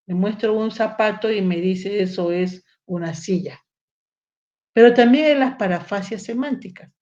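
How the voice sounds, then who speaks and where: A woman's voice: medium pitch, darkish tone, highs cut off. A woman giving a neurology lecture, explaining step by step and checking in with rhetorical tag questions. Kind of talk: recorded lecture.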